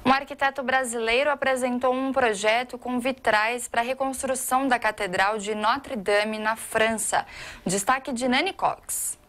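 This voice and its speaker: A woman presenting the morning radio news in a brisk, clear announcing manner. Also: on the high side, steady tone, a bit bright. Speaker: news anchor.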